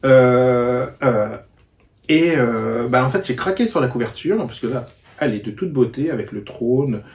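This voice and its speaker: A man's voice: medium pitch, lively intonation, a little slow. A man giving a casual book-review vlog, talking hesitantly with lots of fillers and restarts. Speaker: book vlogger.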